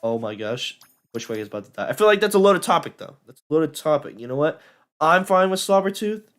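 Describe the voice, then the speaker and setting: A young adult man streaming a video game, talking in an excitable, rambling way with many fillers and restarts as he plays. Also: fairly high pitch, fairly quick. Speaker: gaming streamer. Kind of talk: live gameplay commentary.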